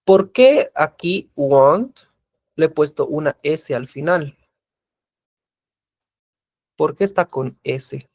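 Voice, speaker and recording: A man's voice: a little high, slow pace, creaky, pauses often, darkish tone, no room sound. A man teaching an English class, patiently repeating examples and asking his students questions. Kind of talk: recorded class lecture in Spanish.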